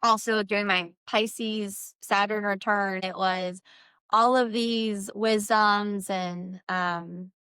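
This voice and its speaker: Bright, crisp-voiced woman rambling casually. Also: medium pitch, fairly even intonation, takes it slowly, no room sound. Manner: informal, meandering, frequent "like" filler; earnest, spiritual new-age way of explaining. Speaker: candle maker presenting own work. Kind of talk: casual rambling product vlog.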